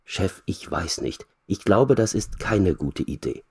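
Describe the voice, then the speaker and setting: A man reading the part of a brisk female office assistant in a storybook for learners. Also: deep voice, expressive, creaky, husky, exaggerated voice.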